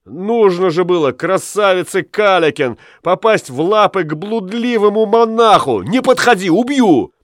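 A man reading aloud voices a heartbroken jealous husband in a storybook, shouting and ranting. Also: sits high, animated, a little slow, hardly any pauses, no room sound, clean studio sound, voice pushed up. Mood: furious.

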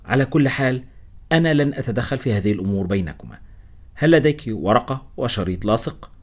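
A man voicing a young bearded doctor who asks calm, probing questions in a storybook reading. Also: mid-range voice, quick pace, natural voice.

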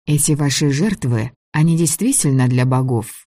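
A man voicing a proud, sharp-tongued young sorceress, throwing scornful retorts in an audiobook reading. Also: medium pitch, lively intonation, moderate pace, no room sound, clean studio sound, lightly acted. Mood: defiant.

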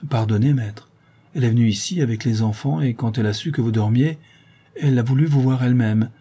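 A man's voice: mid-range voice, a little fast, dark tone, slightly rough, close to an everyday voice. A man voicing a middle-aged female servant who is anxious and devoted, speaking deferentially, in an audiobook reading. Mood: pleading.

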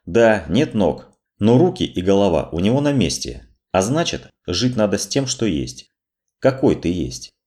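A male narrator reading a dramatic audiobook in a low voice that moves a lot in pitch. His delivery is expressive and carefully paced for storytelling. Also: moderate pace.

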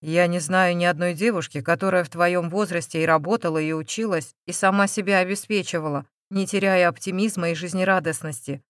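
A woman voicing a gentle, reassuring man. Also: on the low side, steady tone, fairly quick, hardly any pauses, no room sound, clean studio sound, lightly acted. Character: calm, caring man in his thirties. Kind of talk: audiobook character voice.

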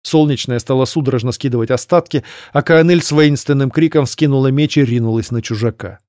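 A man narrating a fantasy audiobook in an even, measured storytelling manner. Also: mid-range voice, dry recording, clean studio sound.

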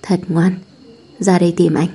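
A woman voicing a devoted young husband who talks low and gently, in a hushed, soothing way. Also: little pitch movement, moderate pace, breathy edge. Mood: tender. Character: devoted rich young husband, cool but tender.

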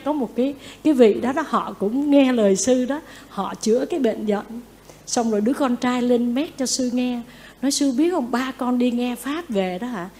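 A Buddhist nun giving a lively dharma talk, often asking her listeners questions and acting out what people say. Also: a little high. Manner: lively, asks the audience questions, acts out quotes. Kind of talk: sermon.

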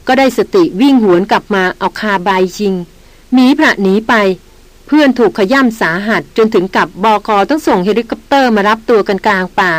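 A woman reading the part of a patient, gently teasing veteran male hunter in an audiobook. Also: fairly high pitch, dry recording, close to an everyday voice, rough recording. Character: seasoned male jungle hunter, calm and amused.

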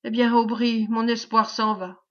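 A woman reading an audiobook, voicing a frightened but brave young woman who pleads in anxious, hushed tones. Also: a little high, flat delivery, unhurried, natural voice. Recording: dull lo-fi recording.

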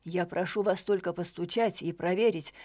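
Give me a woman reading a determined detective in an audiobook, insistent and measured. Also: lowish voice, fairly even intonation, darkish tone, natural voice.

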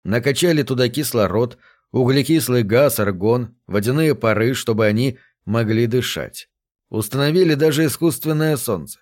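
A man reading a science fiction story aloud as narrator, steady and measured. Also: mid-range voice. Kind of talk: audiobook narration.

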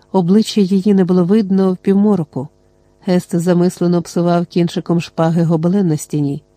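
An audiobook reader narrating a fantasy novel in a steady, even storytelling manner. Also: medium pitch, no echo. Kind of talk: scripted narration.

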